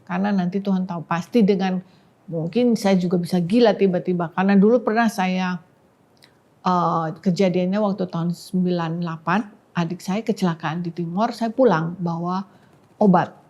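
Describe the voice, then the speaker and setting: A woman giving an emotional personal testimony on a talk podcast, dropping to a hush when she quotes prayers. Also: fairly low pitch, steady tone, normal speed. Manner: emotional storytelling, quoting prayers softly. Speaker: podcast guest.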